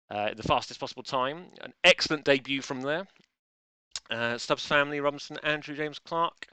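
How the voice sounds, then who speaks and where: A man's voice: on the high side, bright, forceful tone, clean tone, no echo. A man hosting a live-streamed online quiz in a chatty, playful way, often restarting his sentences as he fumbles with the setup. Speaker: quiz host.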